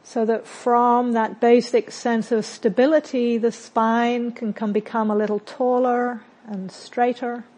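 A meditation teacher with a fairly high voice guides a body scan. She speaks calmly and gently, in short phrases separated by long pauses.

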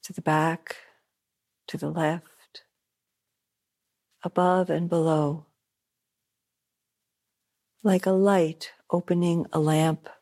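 A soft-spoken woman teacher guides a meditation at a retreat center, leaving long pauses and gently repeating phrases. Her voice is low-pitched and slightly rough.

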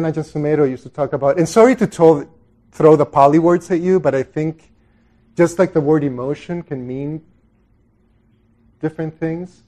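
A Buddhist meditation teacher, a middle-aged man from El Salvador, speaks to a group in an informal dharma talk. He is conversational and reflective, often wandering into asides, with a slightly high and slightly mellow voice.

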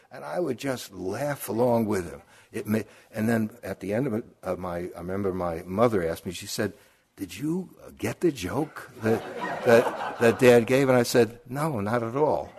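Husky older man giving a dharma talk. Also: mid-range voice, darkish tone. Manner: conversational storytelling with rhetorical questions. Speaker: meditation teacher. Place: meditation retreat hall.

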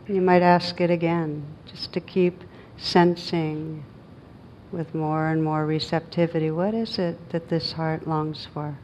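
A meditation teacher with a low voice guides a meditation, speaking gently and very evenly, with little rise or fall. She leaves long, unhurried pauses between phrases, while a faint noise and rumble sit in the background.

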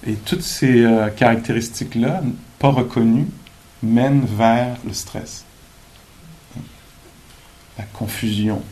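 A man giving a dharma talk at a meditation retreat, thoughtful and gently joking, pausing often with fillers. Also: mid-range voice, poor audio. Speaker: meditation teacher.

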